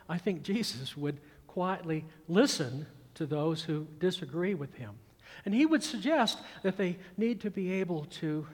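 With a voice that sits high and a big-room sound, a sixty-something Georgia pastor from the American South preaches a sermon. He speaks emphatically, repeating phrases and building his volume as he recites verse.

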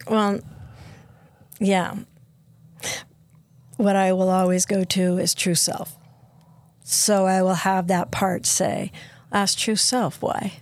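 A woman trauma therapist, a guest on a podcast, explaining in an earnest, steady way. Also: medium pitch, slow pace, long pauses, no room sound. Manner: earnest, explains steadily, drops to soft whispers when quoting inner voices.

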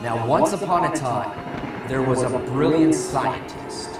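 A man voicing a sensible but easily rattled cartoon pear, casual and a little dramatic, his voice pitched up. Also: slow. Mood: ominous storytelling. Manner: casual, dramatic when storytelling. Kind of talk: cartoon voice acting. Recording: echoey far-off playback over music.

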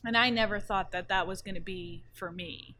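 Excited New woman. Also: mid-range voice, moderate pace, a little hiss or hum. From New Orleans. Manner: enthusiastic, bursts into excited exclamations. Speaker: parade krewe member. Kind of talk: casual panel chat.

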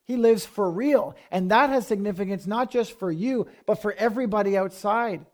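A man gives a sermon in a fairly high voice. He speaks to his congregation in an easy, conversational way and then presses his points with firm emphasis. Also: normal speed. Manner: conversational preaching that rises to forceful emphasis. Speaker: pastor.

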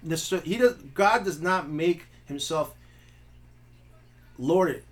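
Man, pastor on a podcast, earnest, restarts often, slightly higher voice. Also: slow. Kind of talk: casual theological discussion.

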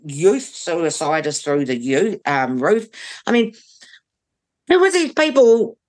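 A woman with a New Zealand accent giving blunt, emphatic opinions in conversation, repeating phrases for stress. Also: medium pitch. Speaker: interview guest.

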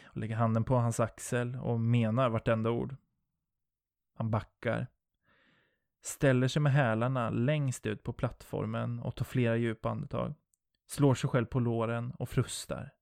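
A man narrating a first-person horror story in a low, steady storytelling voice. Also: gravelly, dry recording, clean studio sound.

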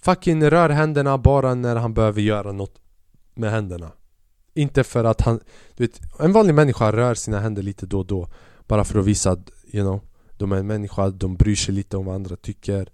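A man tells a comedy story on a podcast in a loose, slangy way and swears freely as he talks. His voice sits on the low side. The sound is dry and close, recorded on a studio mic. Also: a little mellow, clear, resonant tone, no room sound. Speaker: podcast host. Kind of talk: comic storytelling.

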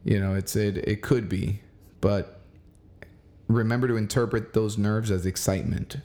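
A man's voice: on the low side, fairly even intonation, moderate pace, dark tone. A man in his forties in casual chat, encouraging and emphatic, speaking straight to the listener. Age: 40s.

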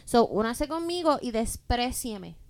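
High-pitched woman chatting in Spanglish. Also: measured pace, no room sound. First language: Spanish. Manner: Spanglish, switching constantly between Spanish and English; animated, profane. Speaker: podcast co-host. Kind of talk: casual podcast chat.

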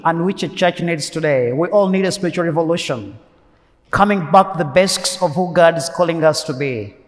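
High-voiced priest in cathedral echo. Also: male voice. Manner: earnest, emphatic, repeats key phrases. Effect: cathedral echo, long church reverb. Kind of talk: Sunday homily. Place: large church. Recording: long echo of a large church.

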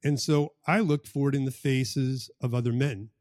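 A man's voice: medium pitch, steady tone, moderate pace, a little mellow, no echo, studio quality. A man co-hosting a podcast conversation, making his points emphatically and repeating key phrases for stress. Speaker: podcast co-host.

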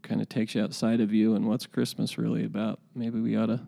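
A man with a relaxed, creaky voice hosts a podcast. He talks casually and hesitantly, musing in loose, informal buddy slang. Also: fairly low pitch, fairly quick. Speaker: podcast host. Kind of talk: casual, rambling podcast talk.

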